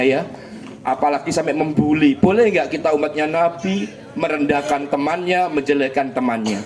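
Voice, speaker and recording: A man, a puppeteer gently teaching children in a live puppet show. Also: on the high side. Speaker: puppeteer and storyteller. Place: indoor gathering with many children. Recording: noisy children's crowd behind.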